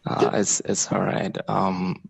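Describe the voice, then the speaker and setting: Deep, gravelly man from Algeria calling in. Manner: excited, halting, many fillers. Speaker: caller. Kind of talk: call-in conversation.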